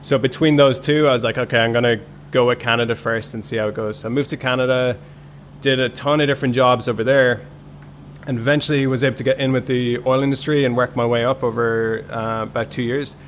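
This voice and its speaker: A man, a podcast guest telling his story in a relaxed, rambling way with many fillers. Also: mid-range voice, fast, slight background noise. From Ireland. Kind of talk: casual conversational storytelling.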